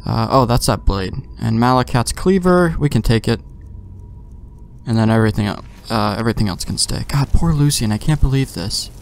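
Faint game music sits behind a man hosting a let's play, who talks through his game in a loose, meandering way, reasoning aloud and cursing a little. He has a creaky, animated, medium-pitched voice at normal speed, with slight background noise.

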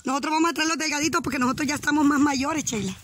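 A woman's voice: high-pitched, rapid-fire, fairly bright tone, a little hiss or hum. A Honduran woman chatting and teasing as she films a walk along a rural riverbank, laughing often. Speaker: vlogger. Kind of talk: casual walking vlog. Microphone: handheld camera while walking.

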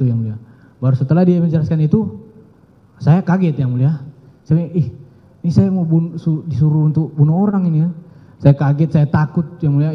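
A man testifying as a witness in court, speaking haltingly and deferentially, often addressing the judge. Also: on the high side, big-room sound, muffled recording.

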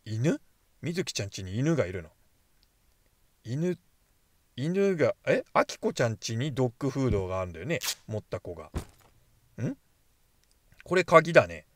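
A man's voice: mid-range voice, dry recording, studio quality. A man giving casual, jokey commentary while playing a horror game, chatting to himself as he goes. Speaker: game streamer.

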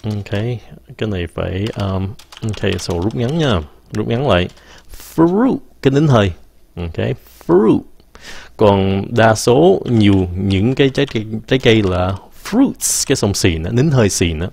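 A man giving a casual live-streamed English pronunciation lesson, stopping to say words slowly and mixing English phrases into his talk. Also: on the low side, expressive, creaky, darkish tone.

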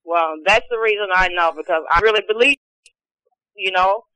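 A man's voice: sits high, normal speed, bright, forceful tone, low-quality recording. A man calling in to a show as a caller, speaking in an insistent, earnest, preaching way. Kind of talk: call-in debate, preaching.

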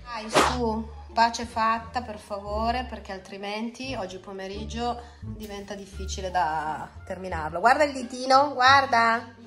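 Coaxing mom vlogger, higher voice. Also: female voice, unhurried, a bit bright. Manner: coaxing and affectionate with her children, using pet names; firm, scolding parental tone at times. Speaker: mother and vlog host. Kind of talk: casual family vlog talk. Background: background music.

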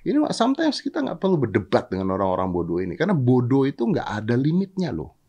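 Animated, blunt host. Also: male voice, medium pitch, quick pace, lo-fi sound. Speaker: podcast host. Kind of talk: casual chat and storytelling.

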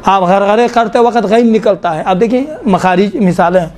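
High-voiced man teaching Quran recitation. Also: darkish tone, slight background noise. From Pakistan. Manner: explains slowly, asks the class questions, draws out sounds. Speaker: tajweed teacher. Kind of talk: classroom Quran recitation lesson.

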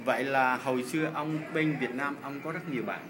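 A man's voice: mid-range voice, fairly even intonation, a little fast. Middle-aged male interviewer in noisy hall. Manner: polite, repeats answers back. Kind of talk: casual chatty interview. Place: indoor swimming pool hall. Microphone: phone at arm's length. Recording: noisy indoor pool, phone recording.

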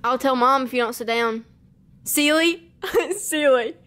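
A woman's voice: high voice, a little slow, a bit bright. A young woman chatting casually, coaxing and humoring someone with short questions. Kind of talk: casual chat. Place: living room, indoors. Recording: noisy home video in living room.

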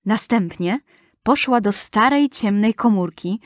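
A woman narrating a fairy tale for children in a gentle, measured, expressive reading. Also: medium pitch, no echo, clean studio sound. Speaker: storyteller.

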